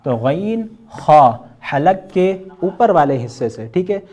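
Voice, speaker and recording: A man with a Pakistani Urdu accent teaching an online Quran recitation class, patiently explaining and slowly sounding out letters as examples. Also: a little high, animated, dark tone. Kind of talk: online tajweed lesson.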